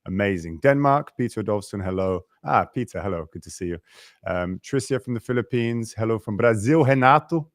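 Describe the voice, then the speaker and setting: A man with a very low voice hosts a live webinar. He talks over a video call in a dry, close sound, and he is lively and chatty as he greets viewers and runs through slides. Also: a little fast, dry recording. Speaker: webinar host.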